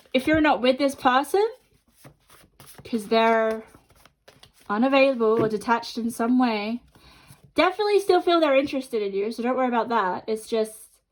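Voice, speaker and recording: A woman with a fairly high voice hosts a chatty tarot card reading, addressing viewers directly. She talks with half of her mouth numb from the dentist. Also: poor audio. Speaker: tarot card reader and host.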